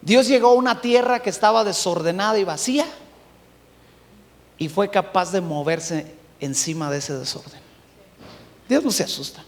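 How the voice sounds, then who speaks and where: A middle-aged Mexican pastor preaching a sermon, swinging between shouts and hushed passages. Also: male voice, sits high, big-room sound. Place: church hall.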